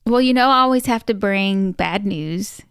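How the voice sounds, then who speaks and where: A woman's voice: mid-range voice, normal speed, a bit bright, clear, resonant tone, no echo, studio quality. A woman co-hosting a casual podcast, telling stories in a hesitant, giggly way. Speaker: podcast co-host. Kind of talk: casual chat.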